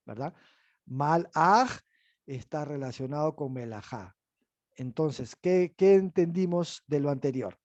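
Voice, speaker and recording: A man leads a bible lesson in a slightly higher, mellow, dark-toned voice. He explains patiently and keeps checking that his listeners follow along. The sound is dry and a little dull, without much room around it. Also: no echo. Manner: explanatory, asks the audience "¿verdad?". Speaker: bible teacher. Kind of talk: teaching a bible class.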